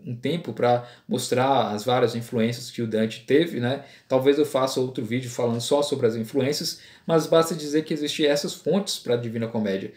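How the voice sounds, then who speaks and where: A man giving an informal lecture, pausing often and tagging his sentences with a questioning "right?". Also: mid-range voice. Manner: halting, with frequent fillers and "né?" tags. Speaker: teacher. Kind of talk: classroom-style lecture. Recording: roomy echo.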